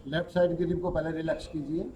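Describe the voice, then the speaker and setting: Calm man guiding yoga nidra. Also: on the high side, slight background noise. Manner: calm, slow instructions mixing Hindi with English words. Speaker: yoga teacher. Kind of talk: guided yoga nidra relaxation.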